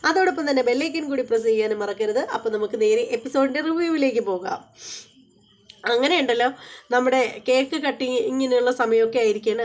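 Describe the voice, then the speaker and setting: Fast-talking Malayali woman recapping a serial. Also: on the high side. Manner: chatty, retells scenes with quoted dialogue, frequent fillers and restarts. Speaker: serial review host. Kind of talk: casual spoken episode recap.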